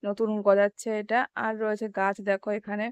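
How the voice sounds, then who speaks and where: A young woman with a hoarse voice from a cold, chatting casually as she walks viewers through an overgrown garden. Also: mid-range voice, flat delivery, fairly quick, darkish tone, no echo, muffled recording. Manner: chatty, pointing things out to viewers. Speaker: vlogger. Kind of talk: casual walking-tour vlog. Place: outdoors in a garden.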